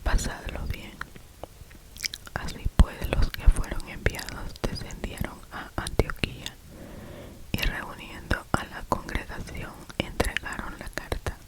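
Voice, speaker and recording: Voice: slow pace, low-quality recording. A person reading scripture as ASMR in a cupped-hand whisper, very close to the mic as if into the ear. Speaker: ASMR reader. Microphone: very close to the mouth.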